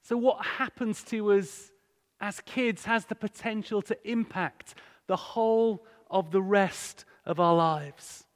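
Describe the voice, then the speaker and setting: A high-voiced man with a northern English accent speaks to a congregation in a big, reverberant hall. He delivers a sermon-style talk at an unhurried pace, moving between storytelling and conversational rhetorical questions. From Hull, England. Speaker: guest speaker at a church. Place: large church hall, live talk to a congregation. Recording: echoey hall with long reverb.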